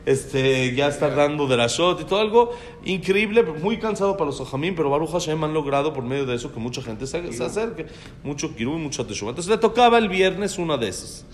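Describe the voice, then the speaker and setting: Man, lively storyteller, highish voice, faint background rumble. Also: brisk. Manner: animated storyteller, acts out dialogue. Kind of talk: storytelling class talk.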